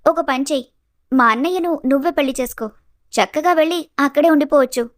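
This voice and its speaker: A woman doing a gentle, caring young sister-in-law. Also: high voice, quick pace, no echo, studio quality, lightly acted. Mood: concerned. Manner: gentle, coaxing. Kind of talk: animated storybook voice acting.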